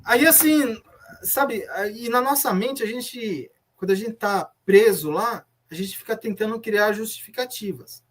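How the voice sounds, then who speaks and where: A man's voice: high-pitched, measured pace. A man with a Brazilian Portuguese accent, a former church member telling his story in an interview, earnest and reflective, often restarting his sentences. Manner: earnest, reflective, retelling memories with many restarts. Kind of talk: personal testimony in an interview.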